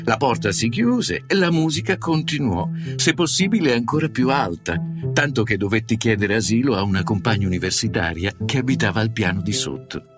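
A man's voice: on the low side, animated, fairly quick. A man narrating a short story with a wry, ironic manner. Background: guitar music.

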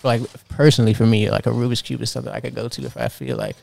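A young man, a clothing designer, answering interview questions in a soft-spoken way full of "like" fillers. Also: mid-range voice, sing-song, racing, vocal fry, dry recording.

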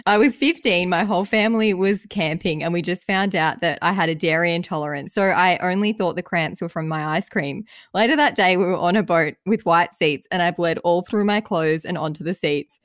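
An Australian woman co-hosts a casual chat show, reading listener stories aloud. She sounds chatty and quick to giggle. Her voice is recorded dry and close, with no room sound. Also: lowish voice, no echo. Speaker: podcast co-host.

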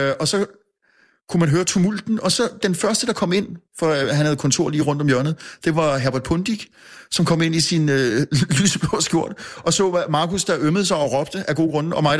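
A man with a slightly raised voice tells a story in casual chat, stumbling over his words and repeating himself. He chuckles at himself often as he goes. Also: fairly high pitch. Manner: halting, many restarts and fillers. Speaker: guest, newspaper editor.

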